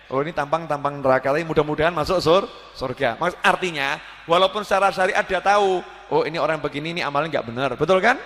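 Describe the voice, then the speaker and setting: Animated high-voiced preacher in a reverberant hall. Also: male voice, quick pace. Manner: animated, acts out prayers and voices, joking asides. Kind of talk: religious lecture.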